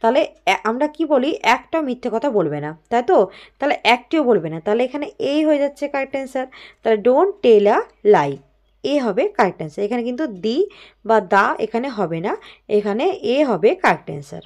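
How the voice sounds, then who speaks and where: Fairly high-voiced teacher woman. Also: animated, darkish tone. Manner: explains step by step, reads sentences slowly. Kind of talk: exam-prep grammar lesson.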